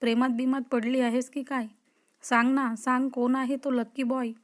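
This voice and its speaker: A woman reading the lines of a cheeky young college woman who playfully teases her best friend, in a high voice. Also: level tone, normal speed, natural voice. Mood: teasing. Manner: teasing, playful.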